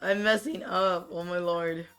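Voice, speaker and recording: Faint music sits behind a streamer chatting casually during a game. His voice is raspy, monotone and weary-sounding, and at a measured pace he rambles and frequently starts his sentences over.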